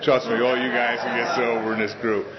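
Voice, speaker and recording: A middle-aged man speaks earnestly to a gathered group, his voice sitting at an everyday middle pitch. He stumbles and restarts as he shares his story from the heart. The recording is dull and lo-fi. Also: level tone, brisk, crowd noise. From Queens, New York. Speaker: speaker sharing his story at a recovery meeting. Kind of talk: personal testimony to a group. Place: meeting room in front of a group. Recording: dull lo-fi sound.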